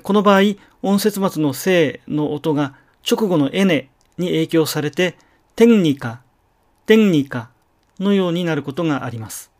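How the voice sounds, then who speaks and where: A middle-aged male teacher lectures at a slow, measured pace, voice sitting a little high for a man. He breaks off to pronounce example words with care before going on. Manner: slow, methodical, with careful demonstration pronunciations. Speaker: language teacher.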